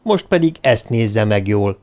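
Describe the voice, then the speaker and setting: A man's voice: on the low side, animated, a little mellow, lightly acted. A male audiobook reader voicing a cold, scheming ruler who threatens a young man at gunpoint. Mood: cold menacing. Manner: icy, clipped, menacing.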